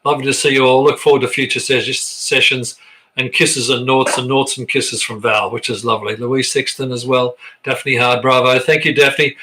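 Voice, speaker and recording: An Australian choir director leads a live online rehearsal, talking into a sensitive computer microphone and reading out viewers' comments, restarting often. His voice is fairly high, pushed and bright, and the audio quality is poor. He comes across chatty and rambling, full of fillers and false starts.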